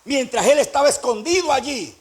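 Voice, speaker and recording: A man's voice: extremely high pitch, animated, fairly quick, slightly rough. A man preaching a sermon as pastor, speaking emphatically and asking his congregation rhetorical questions.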